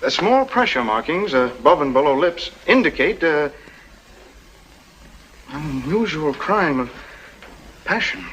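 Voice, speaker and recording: An actor playing a hesitant, fussy medical examiner in a 1940s film, halting and full of "uh"s. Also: male voice, mid-range voice, fairly bright tone, muffled recording. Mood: musing. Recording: noisy 1940s film soundtrack.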